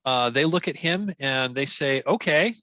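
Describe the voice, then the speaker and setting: A man running a tabletop game as game master, relaxed and a little hesitant. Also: mid-range voice, moderate pace, no room sound, dull audio.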